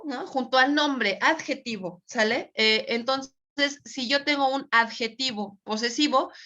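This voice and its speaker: A Mexican woman teaches a Spanish grammar class online, patiently and frequently checking that her students understand. Her voice is fairly high and a bit bright, heard through dull lo-fi audio.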